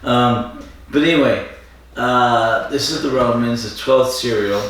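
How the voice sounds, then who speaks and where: A podcast co-host in his fifties chats casually after a few drinks, rambling, repeating himself, and chuckling. His medium-pitched voice is unhurried and a bit bright, recorded with a distant mic in an echoey room with faint ambience.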